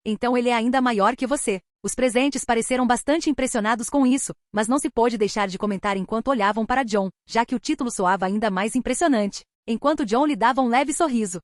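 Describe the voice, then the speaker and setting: A woman narrating a fantasy fan fiction story in a steady, even reading style. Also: on the high side, fast, few pauses, dry recording, studio quality. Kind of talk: scripted narration of a fanfic audiobook.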